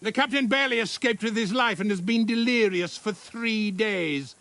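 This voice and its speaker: A man's voice: high-pitched, normal speed, fairly bright tone. A man playing a dismissive castle commander in a video game, formal and condescending. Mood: sardonic. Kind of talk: video game dialogue acting.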